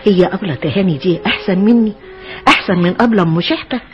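A woman's voice: on the low side, fast, muffled recording, faint music behind, natural voice. An actress playing a fussy, exasperated older mother who scolds and nags with an Egyptian accent, as in a 1960s Egyptian radio drama. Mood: scolding.

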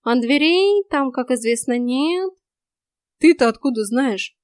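Audiobook: woman doing a huffy know-it-all tomcat, high, slow drawl, dry sound. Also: animated, dry recording. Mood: explaining. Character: talking male house cat, grumbling know-it-all mentor. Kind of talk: audiobook character voice.

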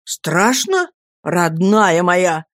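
A woman's voice: medium pitch, expressive, moderate pace, dry recording, close to an everyday voice. Woman reading as a lovestruck young man, earnest, tender, dry close sound. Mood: ardent tender. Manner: ardent, tender.

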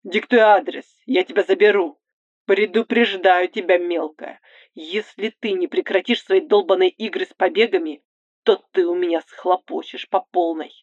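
A woman's voice: lowish voice, moderate pace, no echo, muffled recording, close to an everyday voice. A woman reading the part of a selfish, controlling young man who commands and threatens his girlfriend. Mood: demanding. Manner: commanding and menacing, turns coaxing.

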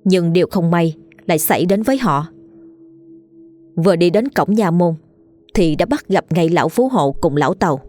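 A woman reading a ghost story aloud in a steady storytelling voice. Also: fairly low pitch, moderate pace, long pauses. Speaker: narrator. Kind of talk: scripted ghost story narration. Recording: faint background music.

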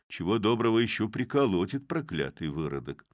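A man's voice: fairly low pitch, sing-song, brisk, no room sound. A man voicing a sly, grumbling old Cossack man who mutters and scolds to himself in a storybook. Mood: musing.

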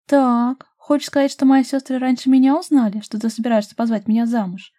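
A woman voicing a playful, teasing young woman in love, speaking high and loud in an audiobook. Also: brisk, no room sound, clean studio sound, natural voice. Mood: indignant.

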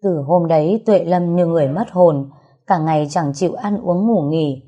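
A woman narrating a dramatic audio story in a steady, scripted way. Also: fairly low pitch, normal speed.

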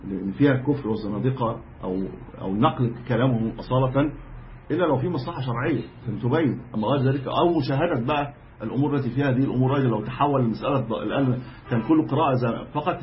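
A man's voice: medium pitch, very fast, a little hiss or hum. A man with an Egyptian accent teaching a religious lesson as a sheikh, explaining emphatically and often restarting his phrases. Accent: Egyptian Arabic. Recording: dull lo-fi lecture recording.

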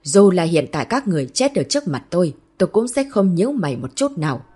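A harsh, contemptuous father, cold and loud, as a woman narrator acts him out. The voice sits low and dark. It has a husky grain. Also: big pitch swings, fast talker. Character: cruel middle-aged father, cold and harsh.

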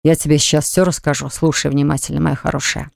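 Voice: mid-range voice, level tone, fast, gravelly, no room sound, clean studio sound, pitched below the performer's own voice. Narrator doing a bossy, commanding grown man. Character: domineering grown man, pushy lover. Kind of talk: audiobook character voice.

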